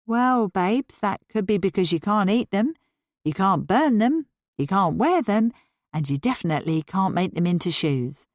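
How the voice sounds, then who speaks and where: A woman reading the part of a frazzled single mother who jokes breezily and snaps briskly when worried. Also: medium pitch, expressive, no echo, studio quality, natural voice. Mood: breezy. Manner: brisk, breezy banter turning anxious. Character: frazzled single mother, quick-tongued and anxious.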